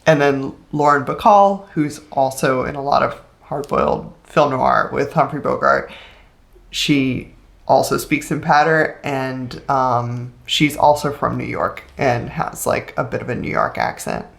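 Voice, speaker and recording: A woman co-hosts a podcast, chatting casually about old films and laughing easily. Her middle-pitched voice often drops into a gravelly fry. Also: measured pace. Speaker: podcast co-host. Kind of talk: casual film discussion.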